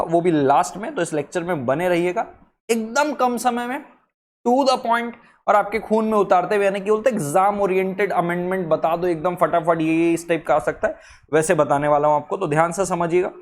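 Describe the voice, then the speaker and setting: A man teaching an exam-focused law lecture in a brisk, emphatic way, mixing in English terms. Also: sits high.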